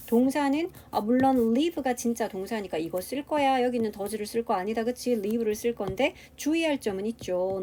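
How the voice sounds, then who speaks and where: A woman's voice: a little high, warm tone, slight background noise. A woman English teacher giving a grammar lecture, explaining step by step and asking the class rhetorical questions.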